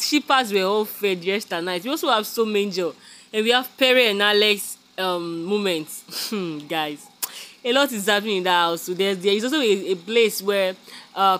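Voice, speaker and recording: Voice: mid-range voice, fairly bright tone. A host giving a chatty, casual gossip recap of a reality show, talking straight to the viewers. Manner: chatty, calls viewers "guys", many fillers.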